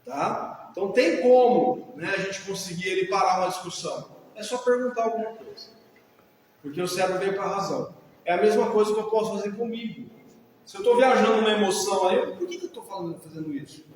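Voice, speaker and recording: A man with a Brazilian accent gives a didactic talk on the mind. His voice sits high for a man and he keeps asking his listeners short checking questions. He is picked up from a distance in a big, very echoey hall with a long tail of reverb and faint background noise. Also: a little fast. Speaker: mental health professional. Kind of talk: lecture to an audience.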